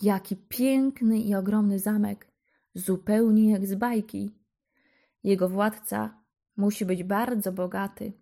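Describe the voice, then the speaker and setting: A woman doing an eager young boy, high and bright. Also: slow pace, gravelly. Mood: awed. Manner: high, excited.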